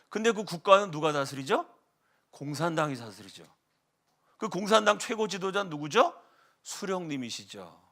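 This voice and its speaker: Middle-aged male pastor, high bright voice, animated emphatic sermon delivery. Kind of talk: lecture-style sermon.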